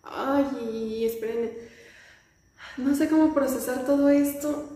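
A woman's voice: high voice, steady tone, slow pace. A woman dance coach talking over a video she is reacting to, gasping, laughing and stopping to rewatch. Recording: roomy echo with music playing behind. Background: pop music from the video.

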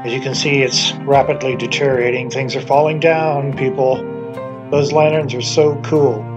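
With a steady tone in a mid-range voice and a normal speed, a middle-aged man talks over music as he explores an abandoned motel outdoors in the snow. This urban explorer vlogger is chatty and enthusiastic, wandering into asides, narrating his walk casually to a handheld camera at arm's length.

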